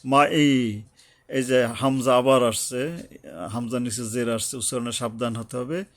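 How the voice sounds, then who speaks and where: A man's voice: medium pitch, flat delivery, moderate pace, no room sound. A man teaching tajweed, patiently explaining letters and pronunciation, repeating his points and breaking into chanted recitation. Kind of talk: slow tajweed lesson with Bengali explanation.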